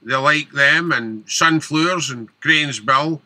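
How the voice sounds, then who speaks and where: A man's voice: fairly high pitch, a little slow, bright, forceful tone, no echo. A man with a broad Scottish accent giving casual, folksy gardening advice as a panel expert, using Scots words.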